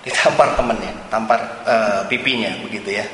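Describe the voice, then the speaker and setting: Male preacher, conversational sermon delivery, booming reverb of a church hall. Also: a little fast, a bit bright, slight background noise. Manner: conversational preaching, sprinkled with English phrases. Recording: echoey hall with long reverb.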